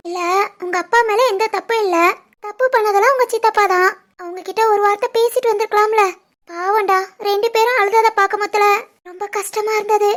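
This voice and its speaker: A woman voicing a high, soothing young wife. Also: steady tone, brisk. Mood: tender. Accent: Tirunelveli Tamil. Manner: soothing, coaxing. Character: caring young wife, gentle and comforting. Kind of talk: animated family drama.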